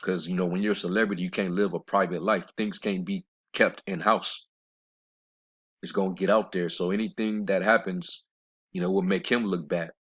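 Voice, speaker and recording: A deep-voiced man rambles through scripture commentary, full of fillers and blunt, scornful asides. He reads the verses in a slower, measured cadence. The recording sounds dull and lo-fi. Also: fairly even intonation, fairly bright tone. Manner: rambling, with many fillers and restarts. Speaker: religious commentator.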